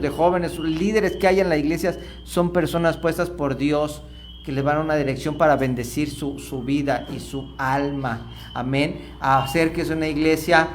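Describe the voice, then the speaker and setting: A man, preaching a church lesson in an animated way, moving between emphatic points and quiet asides. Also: fairly high pitch, slight background noise.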